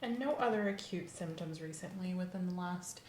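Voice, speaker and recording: A woman voices a reassuring, courteous doctor doing a checkup for ASMR, speaking at normal speed in a darkish, lowish voice close to her everyday one. Her methodical questions come across as polite and professional, her mood calm and attentive. The roomy recording carries faint background noise.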